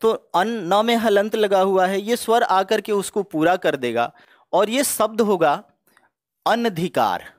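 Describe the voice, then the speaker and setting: A man's voice: high voice, a little slow, dry recording, studio quality. A man teaching Hindi spelling for exam preparation, going word by word in a methodical, explanatory way. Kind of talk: exam-prep spelling lesson.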